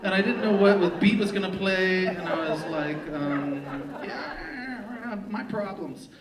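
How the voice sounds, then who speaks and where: A man's voice: sits high, normal speed. Wry man telling stories on stage. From Long Beach, California. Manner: wry, deadpan, profane humor. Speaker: storyteller, poet. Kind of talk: live comic storytelling. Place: theater stage before a live audience. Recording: echoey theater, distant mic, crowd laughter.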